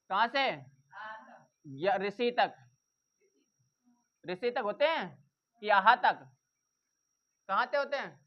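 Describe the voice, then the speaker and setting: A woman teaching English grammar in a classroom-style lesson, repeating points and asking the class rhetorical questions. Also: on the high side. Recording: dull lo-fi recording.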